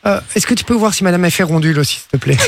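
A man hosting a radio comedy show, quick and teasing as he pranks a caller and jokes with his team. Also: high-pitched, wildly swooping pitch, a little hiss or hum. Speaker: radio host. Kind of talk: prank call and studio banter.

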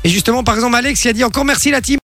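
Brief: high-voiced, gravelly man, evening radio host, joking studio banter. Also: very fast, bright, forceful tone, soft background music. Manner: joking, running a game. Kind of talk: casual radio chat.

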